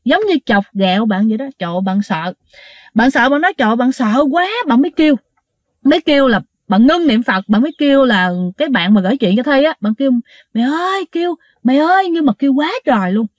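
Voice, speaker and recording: A woman telling ghost stories to her listeners in a casual, animated way, acting out the quoted dialogue. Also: on the high side, fast, dry recording, studio quality. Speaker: ghost story narrator.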